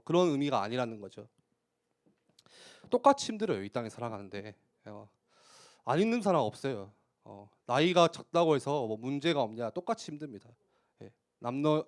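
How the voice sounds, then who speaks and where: A male youth pastor delivers a sermon in church with a somewhat high, very animated voice that rises and falls widely. He talks in a conversational way and keeps posing rhetorical questions. He breaks up his points with brisk little affirmations.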